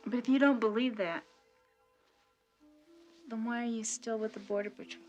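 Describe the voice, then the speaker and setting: A woman's voice: a little high, steady tone, moderate pace, faint music behind, lightly acted. An actress playing a curious, probing woman. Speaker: woman questioning the officer.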